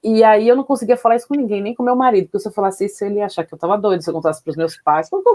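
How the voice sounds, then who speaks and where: A woman's voice: medium pitch, fairly even intonation, rapid-fire, dark tone. A middle-aged woman, a physician, telling her personal story as an interview guest in a reflective, emotional way. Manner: reflective, emotional, many tag questions.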